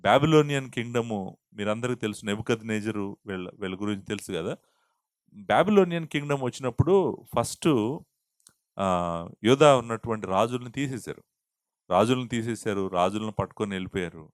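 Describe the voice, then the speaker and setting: A man's voice: fairly low pitch, a little fast, pauses often, no echo. A male pastor preaching an expository sermon, teaching with rhetorical questions and mixing English words into his talk. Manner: mixes English words into Telugu.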